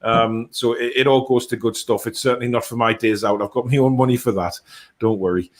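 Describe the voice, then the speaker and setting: A man's voice: mid-range voice, steady tone, fairly quick. A man hosting a casual football fan chat, reading out viewer comments and answering them in a blunt, matter-of-fact way. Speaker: host of a football fan live stream.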